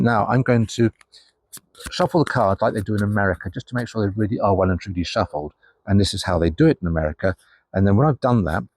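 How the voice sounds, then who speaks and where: An older man with a very low, husky voice talks through card tricks to the camera in a relaxed, chatty patter. His sound is dry and close, with no room echo. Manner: chatty, patter-filled with ums and asides. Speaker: magician. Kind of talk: casual card trick demonstration. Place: indoors at a table, facing a camera with a monitor.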